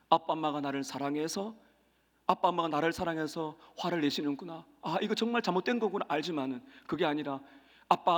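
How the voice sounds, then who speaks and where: A man with a notably high voice delivers an emphatic sermon that builds to forceful peaks. The sound comes from a church sanctuary with a long hall reverb. He speaks as a pastor guiding his congregation to repeat scripture after him. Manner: emphatic preaching that swells to loud peaks; leads the congregation in repeating verses.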